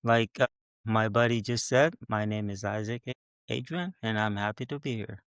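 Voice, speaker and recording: Soft-spoken man from Haiti, hesitant. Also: lowish voice, normal speed, clean tone, dry recording. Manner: hesitant, many "like" and restarts. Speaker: guest. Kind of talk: interview conversation.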